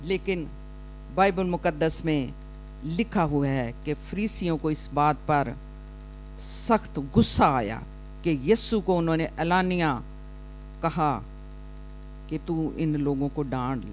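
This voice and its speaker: A woman preaching a sermon as a television preacher, speaking deliberately and rising into loud, emphatic declarations. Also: low-pitched, animated, slight background noise. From Pakistan.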